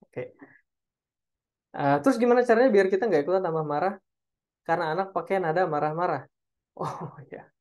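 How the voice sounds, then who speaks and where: A man leads an online parenting webinar, taking audience questions and answering each in turn. His delivery is relaxed and chatty, full of small check-ins with his listeners. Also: fairly high pitch, a little fast, pauses often. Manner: conversational, tags phrases with "ya" and "oke".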